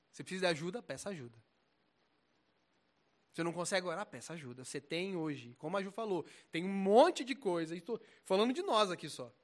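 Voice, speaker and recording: Young Brazilian male preacher, high voice, slangy and animated, shifting loud to soft. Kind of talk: casual slangy sermon.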